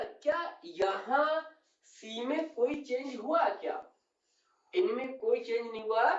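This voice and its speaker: A male chemistry teacher giving a classroom lecture, calling his students "beta" and checking often that they follow. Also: high-pitched. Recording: roomy, distant, dull lo-fi sound.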